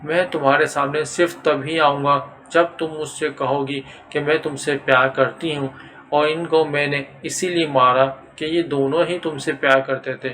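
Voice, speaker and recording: A man's voice: a little high, level tone, bright, forceful tone. A man voicing a possessive, jealous young male jinn who threatens from a tree. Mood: menacing. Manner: menacing, boastful threats.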